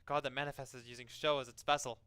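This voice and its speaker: A man's voice: mid-range voice, little pitch movement, fast talker, sharp tone, smooth, no room sound, soft background music. A sardonic, sweary man giving casual game commentary and reading the game's text aloud. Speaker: let's play host.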